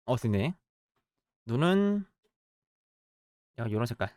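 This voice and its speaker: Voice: medium pitch, very animated, measured pace, a little mellow, dry recording, clean studio sound. A game streamer chatting casually, muttering to themselves and reacting playfully while drawing in a party game. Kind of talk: casual let's-play commentary while drawing.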